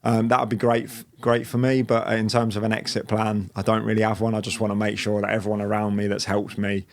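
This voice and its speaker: The guest is a business owner in his late twenties with a gravelly, lowish voice and a brisk delivery. Talking casually in an interview, he rambles in a relaxed way, often restarting and using fillers.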